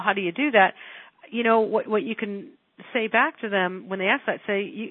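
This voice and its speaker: A woman's voice: mid-range voice, no room sound. A woman coaching listeners on marketing, talking casually with lots of fillers and restarts. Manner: chatty, many fillers and restarts. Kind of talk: casual spoken coaching lesson. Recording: dry, tinny phone-like sound.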